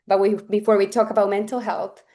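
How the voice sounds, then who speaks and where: Now brisk and mellow, her mid-range voice barely moves in pitch as this thirtysomething woman from Colombia presents on a video-call webinar. The talk is earnest, personal, and loose, peppered with fillers and restarts.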